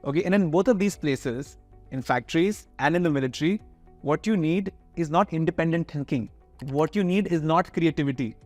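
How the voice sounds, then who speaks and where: A man's voice: fairly high pitch, brisk, a little mellow, faint music behind. A young man from India with an educated Indian accent, giving informal, explanatory answers as an interview guest.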